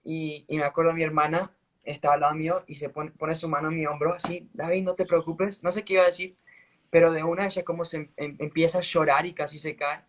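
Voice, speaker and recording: Man, slightly raised pitch, casual spoken testimony, earnest, stop-start delivery, phone live-stream sound. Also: flat delivery, a bit bright. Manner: earnest, halting storytelling with restarts. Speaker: guest sharing a faith testimony. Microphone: phone on a live video stream.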